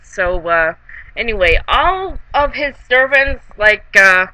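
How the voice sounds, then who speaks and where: A tipsy-sounding comedic reviewer of ambiguous sex giving a casual movie recap, rambling and halting, trailing off between thoughts. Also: mid-range voice, lively intonation, bright, forceful tone, no room sound, low-quality recording.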